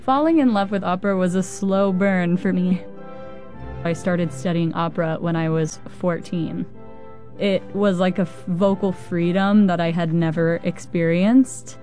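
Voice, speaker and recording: A woman's voice: lowish voice, steady tone, a little slow, warm tone, soft background music. A woman from Virginia, an opera singer, reflecting on how she came to opera.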